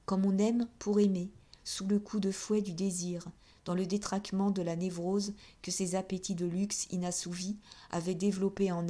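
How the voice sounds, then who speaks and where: A woman reading a classic novel aloud as an audiobook, in a steady, clear narration. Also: lowish voice. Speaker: audiobook reader.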